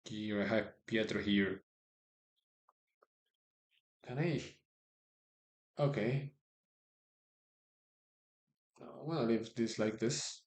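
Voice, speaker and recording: A man giving informal live chess stream commentary, excitable and often repeating phrases for emphasis. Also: lowish voice, slow pace, long pauses.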